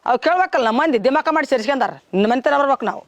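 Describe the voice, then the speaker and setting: A woman's voice: high voice, rapid-fire, no echo, muffled recording. A woman playing a nagging middle-aged savings collector who grumbles and scolds. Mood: scolding. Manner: grumbling, scolding, spits in disgust. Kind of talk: village short-film acting.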